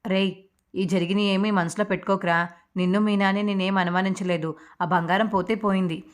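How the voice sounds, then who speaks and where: Woman doing a gentle old dad, calm and reassuring. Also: medium pitch, brisk, lightly acted. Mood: fatherly.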